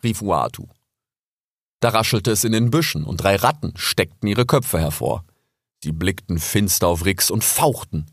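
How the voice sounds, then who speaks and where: A man narrating an animal story audiobook with expressive, lively storytelling. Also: low voice, moderate pace, husky, no room sound, studio quality.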